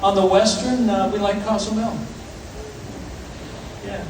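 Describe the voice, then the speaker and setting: Higher-voiced male captain in a noisy echoey venue. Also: little pitch movement, unhurried. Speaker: ship's captain. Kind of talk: informal question-and-answer talk to an audience. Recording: echoey venue, distant, clearly noisy ambience.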